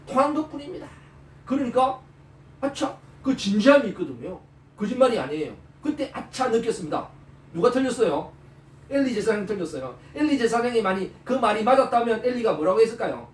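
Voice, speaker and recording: A male pastor preaches with animation, prodding the listeners with questions. His voice sits very high and swings widely. The sound is roomy and distant from the mic. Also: brisk. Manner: animated, peppers talk with rhetorical questions and "eh?" prompts. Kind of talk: sermon.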